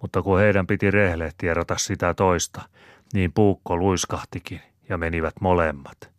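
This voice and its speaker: A man's voice: deep voice, fairly even intonation, no room sound, studio quality, lightly acted. A man doing a sly, chuckling rustic storyteller. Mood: yarn-spinning. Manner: chuckling, folksy yarn-spinning. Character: bawdy old rustic male storyteller, sly.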